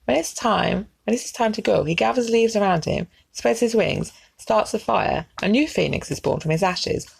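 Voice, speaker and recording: A woman's voice: mid-range voice, normal speed, vocal fry, few pauses, breathy edge. A woman voicing a wise hoopoe who leads the birds in a storybook, counselling and urging with emphasis. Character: hoopoe bird leader, wise, urging, reassuring.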